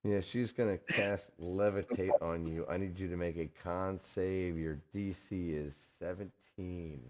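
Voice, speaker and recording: A man's voice: deep voice, steady tone, unhurried, noisy background. A man running a tabletop game as game master, his voice breaking up over glitching, cutting-out call audio. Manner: plainly explains rules and spell effects.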